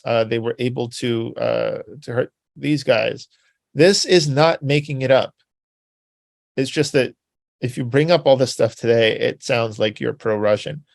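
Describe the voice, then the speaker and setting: A man with a gravelly, creaky voice talks through history in a loose, rambling way, often checking in with tag questions. His voice is recorded dry and close, with no room sound. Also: medium pitch, a little mellow, dry recording. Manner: rambling and conversational with many filler words and tag questions. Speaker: presenter. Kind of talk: informal spoken history talk.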